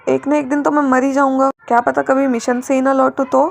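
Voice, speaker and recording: A woman's voice: sits high, flat delivery, a little fast, vocal fry, soft background music. A woman voicing a playful, teasing male commando who bosses the kids and soothes his husband. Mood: soothing.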